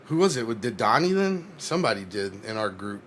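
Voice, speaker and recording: Relaxed man hosting a livestream chat. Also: lowish voice, fairly quick, a little hiss or hum. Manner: relaxed, friendly, filler-heavy. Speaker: stream host.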